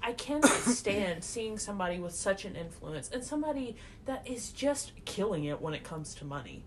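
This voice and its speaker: A woman in her twenties co-hosting a podcast, talking in an indignant, animated way. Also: medium pitch, moderate pace. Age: 20s. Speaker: podcast co-host. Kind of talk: casual chat. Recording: faint background noise.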